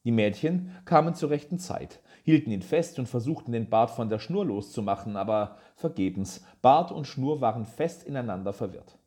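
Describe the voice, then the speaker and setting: A reader narrating a fairy tale in a calm, measured way. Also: mid-range voice. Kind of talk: storybook narration.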